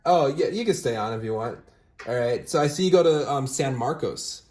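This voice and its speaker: Brisk and expressive, a young man with a mid-range, somewhat mellow voice shows how he handles callbacks while recruiting for a sales team. The casual screen-share walkthrough turns into a phone interview, delivered upbeat with fillers and repeated "all right?" Sound echoes around the room.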